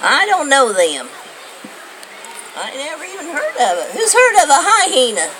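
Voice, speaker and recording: A woman's voice: high voice, wildly swooping pitch, unhurried, a crowd in the background, poor audio. An older woman telling homespun stories to a young audience, rambling and asking her listeners questions. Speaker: storyteller. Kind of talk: folksy storytelling to a young audience.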